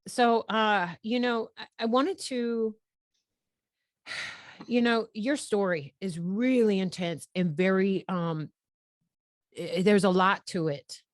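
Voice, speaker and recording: A woman's voice: medium pitch, takes it slowly, long pauses, no echo. Heartfelt woman podcast host, dry sound. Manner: heartfelt, rambling, laughs and tears up. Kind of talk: emotional podcast interview.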